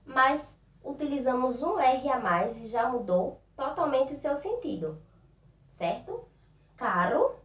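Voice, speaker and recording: Slow, patient Brazilian teacher for young children. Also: female voice, a little high. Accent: Northeastern Brazilian Portuguese. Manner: slow, patient, stretches out words and sounds for children. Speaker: primary school teacher. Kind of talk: recorded remote lesson for young children. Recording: roomy, distant, dull lo-fi sound.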